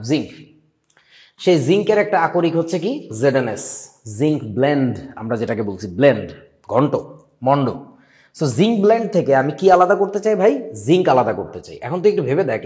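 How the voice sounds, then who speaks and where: A young man leads an online chemistry class, and his voice sits a little higher than most men's. He is blunt and mocking, drops in English terms, and keeps firing questions at his students. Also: darkish tone. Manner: blunt, scolding, mixes English words, quizzes students. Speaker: chemistry teacher.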